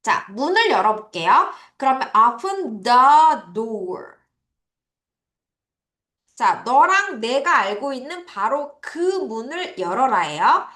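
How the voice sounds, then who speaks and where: High, lively woman teaching English vocabulary. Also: slow, reverberant. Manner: lively, drills pronunciation with repeat-after-me calls. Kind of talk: recorded online vocabulary lesson for kids.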